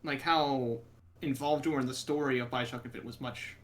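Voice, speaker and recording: A young man co-hosting a podcast in casual chat, tossing in dry jokes and quick asides. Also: medium pitch, fairly even intonation. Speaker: podcast co-host.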